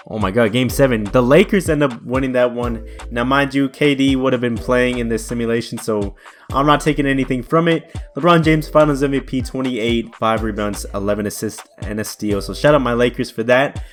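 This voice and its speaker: Casual young man commentating a game. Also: mid-range voice. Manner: casual, chatty, thinks aloud. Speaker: gaming YouTuber. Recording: faint music behind.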